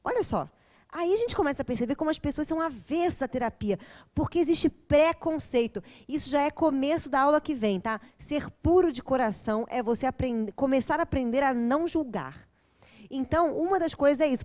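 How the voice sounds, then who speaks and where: Brazilian woman teacher, high voice, lively chatty lecture style with a lot of back-and-forth with the class. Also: fairly quick. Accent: Brazilian Portuguese. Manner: animated, chatty, often adds "né?" and "gente", acts out dialogues. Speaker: course teacher and therapist. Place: classroom at a community center.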